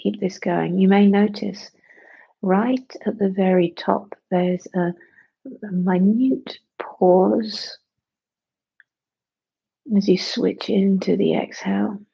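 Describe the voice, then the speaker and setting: A meditation and breathwork teacher giving hushed, unhurried guided instruction with long pauses, in a creaky, breathy voice. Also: mid-range voice, steady tone, highs cut off.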